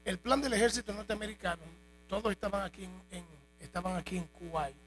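A man preaching a sermon in a church, telling jokes and stories in a lively way. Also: high voice, quick pace. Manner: animated, joking storytelling. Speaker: pastor. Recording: faint mains hum.

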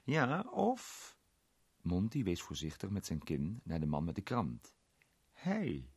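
A man's voice: deep voice, moderate pace, breathy edge, no echo. A man reading a crime story aloud, narrating expressively and doing all the characters. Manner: expressive, does all the voices.

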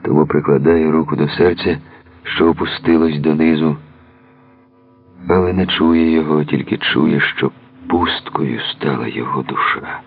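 A man narrating a novel in a measured, expressive literary reading, heard on a tinny lo-fi radio recording. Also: extremely low pitch, slightly rough.

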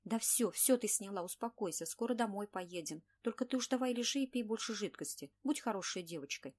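Woman reading bossy makeup artist friend, brisk, scolding, audiobook. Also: medium pitch, animated, a little mellow, close to an everyday voice.

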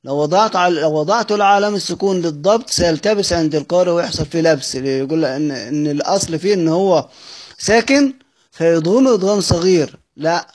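A man's voice: a little high, a little mellow. A man with an Egyptian accent gives a recorded lesson. He reads a classical text aloud, then explains it in everyday speech and asks himself questions as he goes. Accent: Egyptian Arabic. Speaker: teacher of Quran orthography. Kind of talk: recorded study-circle lesson.

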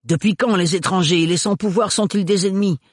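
Man putting on a stern young woman mechanic, high sharp voice, husky. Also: steady tone, brisk, no room sound, studio quality. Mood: accusing. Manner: sharp and accusing. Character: fierce young female mechanic, grave and stern.

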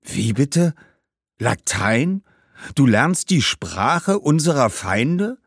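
A man doing a slow, booming old warrior ghost. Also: very animated, dry recording, studio quality. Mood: indignant. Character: boastful ghost of an old male warrior ancestor.

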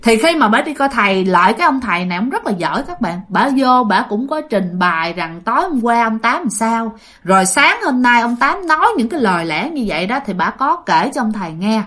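A woman with a Southern Vietnamese accent tells a ghost story in a relaxed, chatty way, speaking right to her listeners and acting out the voices she quotes. Her pitch sits fairly high and swings widely, her pace is a little quick, and her tone is a bit bright.

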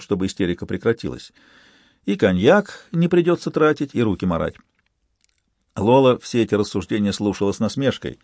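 A man narrating an audiobook in a lively, expressive storytelling manner. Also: medium pitch, dry recording, clean studio sound. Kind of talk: scripted narration.

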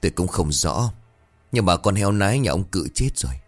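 A weary, grim older villager, voiced by a male storyteller, low and subdued in an audio ghost story. He sighs his words out, tired and heavy. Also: animated, a little fast, soft background music.

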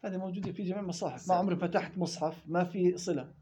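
A man teaching tajweed rules in a classroom lesson, explaining quickly and chanting verse examples in between. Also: high-pitched, fairly even intonation, dark tone, a little hiss or hum. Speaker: Quran recitation teacher.

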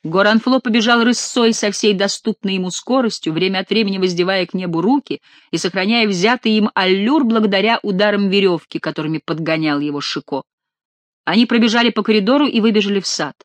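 A woman reading an audiobook aloud with expressive storytelling narration. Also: medium pitch, brisk, no echo.

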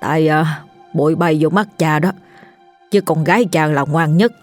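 A woman's voice: low-pitched, moderate pace, soft background music, natural voice. A woman voicing a downtrodden older male bun seller who stammers and pleads, in a storybook tale. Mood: tender.

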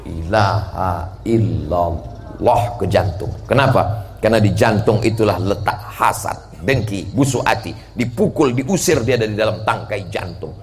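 A man preaching a sermon at a mosque gathering, jokey and animated, swinging from loud shouts to near-whispers. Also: fairly low pitch, moderate pace. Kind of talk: sermon at a mass religious gathering. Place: mosque event.

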